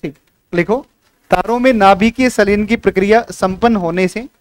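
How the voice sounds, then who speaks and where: A man's voice: sits high, normal speed, no room sound, clean studio sound. A man teaching a classroom lecture, who keeps asking whether the students have understood and scolds them now and then.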